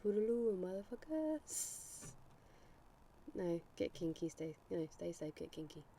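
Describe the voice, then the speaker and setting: A woman's voice: low-pitched, flat delivery, normal speed, gravelly, mellow, slight background noise. A woman co-hosting a podcast, chatting casually with cheeky, easy humour. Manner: laughs easily, cheeky banter. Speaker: podcast co-host. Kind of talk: casual chat.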